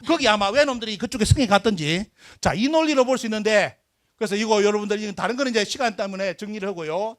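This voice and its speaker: A man's voice: high voice, a bit bright. A man giving a live history lecture to an audience, asking rhetorical questions and answering them himself, stressing and drawing out key words.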